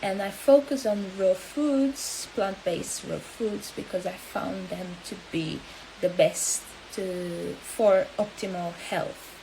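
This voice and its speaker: Woman in her 30s, talks real slow and halting on a live stream, faint hiss behind. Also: mid-range voice, gravelly, warm tone, poor audio. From Angola. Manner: halting and hesitant, with many pauses. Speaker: health coach.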